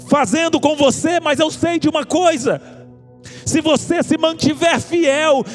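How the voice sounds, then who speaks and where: A high-pitched Brazilian man preaches an evangelical sermon with an altar appeal while music plays beneath him. He exhorts with passion and leans on rhetorical repetition.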